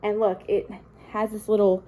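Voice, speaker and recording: A woman's voice: mid-range voice, little pitch movement, normal speed, dark tone, slight background noise. A young woman vlogging, filming herself on her phone as a phone video, rambling and venting that she is upset. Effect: recorded as a phone video. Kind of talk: casual vlog talk to camera. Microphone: phone camera.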